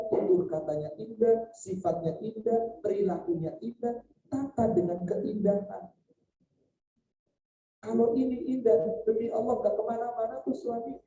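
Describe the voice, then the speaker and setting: A male preacher gives a humorous sermon and keeps putting questions to his audience. His voice is very dark and mellow. It carries through an echoey event hall from a mic set well away from him. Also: high voice, recorded from a distance, dull audio. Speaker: Islamic preacher. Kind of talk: sermon on marriage at a celebration.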